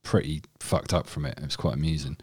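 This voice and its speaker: Male host, very low voice, a bit croaky, relaxed sweary conversation. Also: fast talker. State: slightly croaky, sore throat. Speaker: podcast host. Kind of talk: casual chat, sweary.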